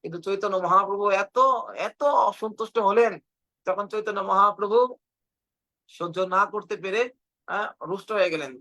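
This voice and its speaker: High, bright-voiced man preaching. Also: fairly even intonation, normal speed, long pauses, poor audio. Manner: fervent, repetitive, acts out quoted dialogue. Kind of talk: devotional sermon storytelling. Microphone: video call.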